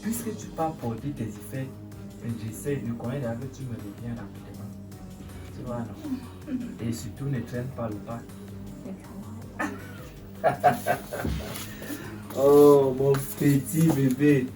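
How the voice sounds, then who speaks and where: An actor with a Cameroonian French accent playing a smooth-talking older man courting a young girl, with a wheedling, coaxing manner. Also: medium pitch, takes it slowly, long pauses, over loud music, natural voice.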